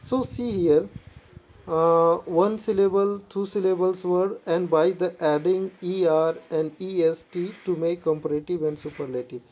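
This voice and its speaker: A woman's voice: lowish voice, mellow, lo-fi sound. A woman teaching English grammar in a lesson, mixing Hindi and English and spelling words out letter by letter. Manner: slow, halting delivery when reading English rules. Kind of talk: classroom-style lesson explanation.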